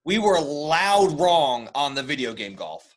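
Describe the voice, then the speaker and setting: Chatty, higher-voiced male podcast host. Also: measured pace. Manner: reads sponsor ads in a joking infomercial style; rambling, animated storytelling. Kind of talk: casual chat.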